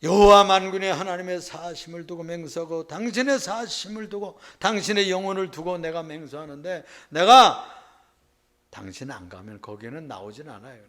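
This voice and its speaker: A grieving, desperate mother, as a preacher puts her on pleads with a prophet, her voice sitting a little high and bursting out in emotional appeals. It comes across as a dramatic reading inside a sermon. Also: sing-song, moderate pace, a bit bright. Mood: insistent.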